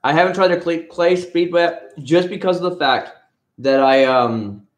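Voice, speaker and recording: A man's voice: a little high, unhurried. Rambling man in an echoey room. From Florida. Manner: rambling, chatty, retells conversations. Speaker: livestream host. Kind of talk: casual livestream chat.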